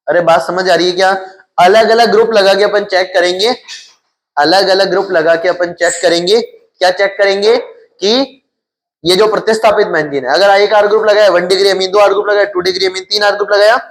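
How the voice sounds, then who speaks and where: A man's voice: high voice, fairly bright tone. A male chemistry teacher with a Hindi accent lecturing his class. He keeps asking questions and answers them himself, repeating the key terms.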